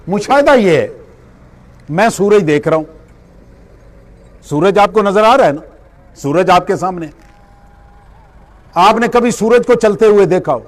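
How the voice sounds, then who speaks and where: A man giving a spiritual lecture. He explains everyday examples and asks and answers his own questions. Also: high voice. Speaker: religious speaker.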